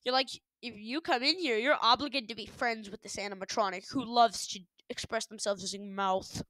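High bright excitable young woman reacting. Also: fairly quick, dry recording. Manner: excitable, jumps to loud startled yelps and gasps; sarcastic running jokes. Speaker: video reaction commentator. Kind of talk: casual reaction commentary. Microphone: headphones on while recording.

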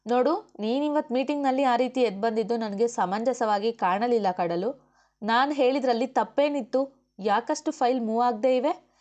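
A woman reading the part of a stern, quick-tempered male officer and husband in a commanding, scolding manner. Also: fairly high pitch, darkish tone, lo-fi sound, voice pushed up, close to an everyday voice. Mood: angry. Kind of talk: audiobook character voice.

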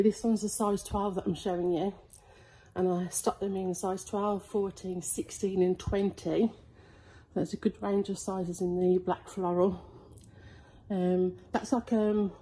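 Speaking quietly in a storage unit, a middle-aged woman who resells online rambles casually to camera with plenty of fillers. Her voice is medium in pitch with a breathy edge, captured on poor audio.

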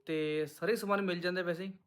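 Fast-talking Punjabi man vlogging. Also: high voice, fairly even intonation, no echo. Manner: chatty, addresses viewers as friends. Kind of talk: casual vlog narration to viewers.

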